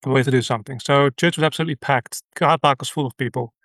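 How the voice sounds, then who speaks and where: With a medium-pitched, slightly bright voice and no echo, a Dutch-accented ministry leader from the Netherlands shares his story in a conversational interview. He is earnest, hesitant, and uses lots of fillers.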